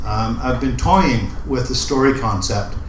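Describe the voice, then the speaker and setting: A man at an open mic, introducing and reciting his poetry with measured, deliberate phrasing. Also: medium pitch, animated. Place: indoor open mic event room. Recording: roomy live recording with background noise.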